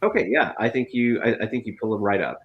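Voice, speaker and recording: A man's voice: lowish voice, expressive, quick pace, muffled recording. A man running a tabletop role-playing game as game master, narrating with many fillers and restarts.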